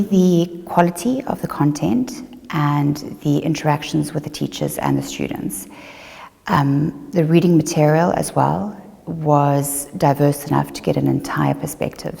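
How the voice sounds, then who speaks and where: A middle-aged woman from Zimbabwe, an attorney, giving a measured, reflective testimonial interview. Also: sits low, vocal fry, mellow, big-room sound. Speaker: attorney and former online law student.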